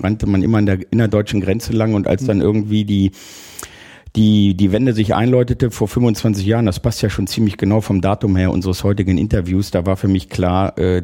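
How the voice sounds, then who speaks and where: A German man in his fifties, speaking as a guest in an interview. His voice sits low, with a dark, mellow tone. He tells his story in a relaxed way, pausing and hesitating often. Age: 50s. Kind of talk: conversational interview.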